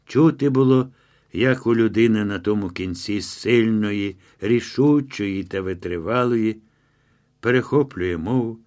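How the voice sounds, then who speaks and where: A man narrating a novel as an audiobook in a measured, steady reading. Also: lowish voice.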